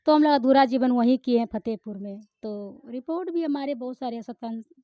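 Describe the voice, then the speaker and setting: A woman's voice: fairly high pitch, moderate pace, no room sound. A woman who acts in films answers interview questions in a chatty, rambling way with many hesitations. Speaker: film actor. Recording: slightly muffled, dry recording.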